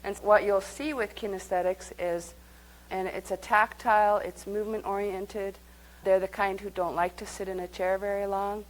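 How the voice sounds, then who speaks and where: A woman's voice: mid-range voice, flat delivery, moderate pace, hardly any pauses, poor audio. A woman leading a live workshop, speaking conversationally and guiding the group through exercises. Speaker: workshop teacher.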